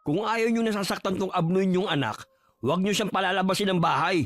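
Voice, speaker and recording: A man's voice: high-pitched, a little fast, fairly bright tone, no echo. Man voicing a sneering village thug. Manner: mocking, insolent. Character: arrogant neighborhood thug, young man, cruel. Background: faint music.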